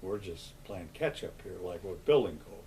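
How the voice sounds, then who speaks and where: A man's voice: deep voice, animated, normal speed, dark tone, slight background noise. An older man, speaking in a plain-spoken, conversational way as the interviewee in an oral history interview. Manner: plain-spoken, conversational, poses and answers own questions. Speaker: interviewee, longtime local resident.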